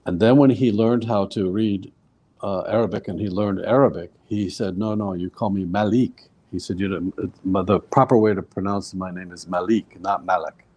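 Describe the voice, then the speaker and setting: Man, student in a reading lesson, curious, careful, lowish, mellow voice. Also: fairly even intonation, moderate pace. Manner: curious, sounds out words carefully. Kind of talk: asking questions in a lesson.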